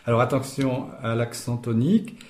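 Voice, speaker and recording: A man's voice: medium pitch, fairly even intonation, normal speed, darkish tone, reverberant. A man teaching a language lesson, explaining grammar patiently step by step. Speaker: Esperanto teacher.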